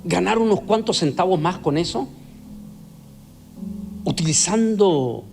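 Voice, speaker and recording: Male evangelist, fiery sermon delivery, repeats key words, slightly raised pitch. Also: lively intonation, unhurried, gravelly, a little mellow, soft background music. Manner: emphatic, repeats words for stress. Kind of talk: preaching sermon.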